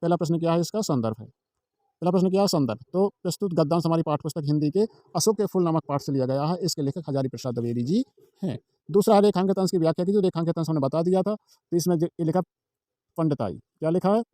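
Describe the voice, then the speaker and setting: A man tutoring students for an exam in a rapid, informal patter. His voice sits a little high but sounds dark and mellow. He keeps asking his own questions and answering them, pointing out one line after another, and the recording is dry and close. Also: dry recording. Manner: walks through a page, pointing at lines.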